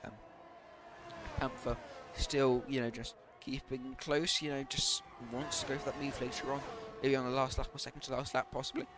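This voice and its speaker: A man's voice: medium pitch, steady tone, moderate pace, background noise. A man doing live commentary on an online racing league, talking hesitantly with many fillers, saying he is losing his voice.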